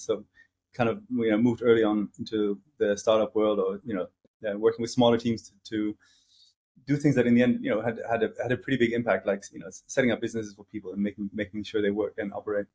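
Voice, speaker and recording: A man's voice: lowish voice, flat delivery, fast, a little mellow, breathy edge. A middle-aged man talking as an interview guest, casual and hesitant, with frequent fillers and restarts. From grew up in several countries.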